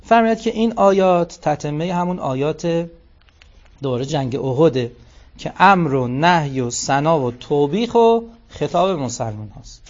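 A man with a somewhat high voice, recorded with a muffled, lo-fi sound, teaching scripture. He intones the sacred text and then drops into plain talk to explain it. His delivery has the steady rhythm of a lecturer. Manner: recites in Arabic, then explains in casual speech. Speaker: religious lecturer. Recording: dull lo-fi recording.

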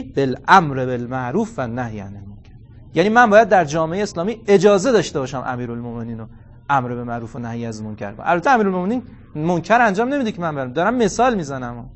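A man in his forties giving a religious lecture, animated and storytelling, acting out bits of dialogue and reciting Arabic quotations. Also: high-pitched. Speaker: cleric lecturer.

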